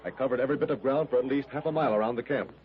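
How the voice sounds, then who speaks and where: An actor playing Tarzan, a calm, decisive jungle hero, in 1930s radio drama style. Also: male voice, medium pitch, very fast, lightly acted. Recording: muffled old radio transcription, faint hiss.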